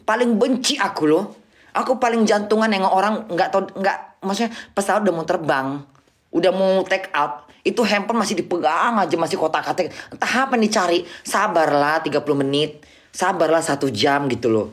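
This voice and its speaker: A woman's voice: fairly low pitch, brisk. A middle-aged woman from Indonesia telling a travel story on a live stream, exclaiming often and acting out sounds and quoted exchanges.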